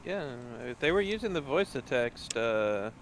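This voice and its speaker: A man's voice: medium pitch, big pitch swings, moderate pace, a little hiss or hum. A man in casual chat with friends over a game, musing and explaining his thoughts.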